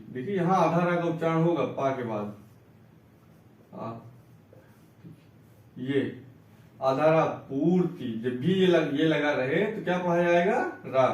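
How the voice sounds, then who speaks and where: Male teacher, patient explainer, slightly high voice, recorded off-mic in a booming room. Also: darkish tone, distant mic. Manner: explains patiently, repeats words slowly, asks and answers his own questions. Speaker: Hindi teacher. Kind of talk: spelling and reading lesson. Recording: echoey room, voice away from mic.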